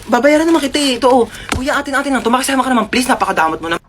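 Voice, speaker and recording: A woman's voice: sits high, expressive, rapid-fire, husky. A woman playing several roles in comic sketches, with an exaggerated, playful delivery. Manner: playful, exaggerated, switches characters. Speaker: comedy skit creator.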